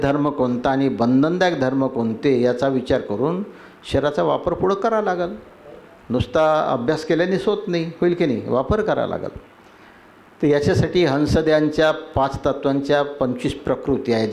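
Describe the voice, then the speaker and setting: A man with a slightly high, darkish voice preaches a devotional sermon as a spiritual teacher. He strings terms together rhythmically and again and again seeks his listeners' agreement.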